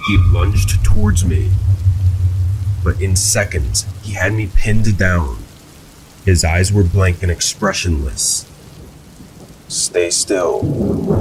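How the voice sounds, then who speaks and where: A man with a very low, deep voice reads a first-person horror story in a calm, even, scripted way. Soft rain patters faintly behind him. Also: noisy background. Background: rain sounds.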